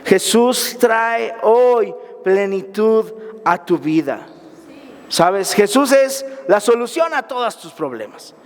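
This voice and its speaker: A man's voice: high voice, lively intonation, takes it slowly. A man preaching a sermon as pastor, emphatic and firing repeated questions at his congregation. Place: church hall. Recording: reverberant church hall.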